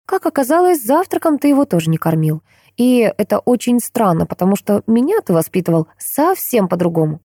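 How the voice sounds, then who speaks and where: A woman voicing a young, compassionate but stubborn daughter who speaks quietly and evenly. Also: medium pitch, brisk, dry recording, studio quality, pitched above the performer's own voice. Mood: calm. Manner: quiet, even, gently defiant.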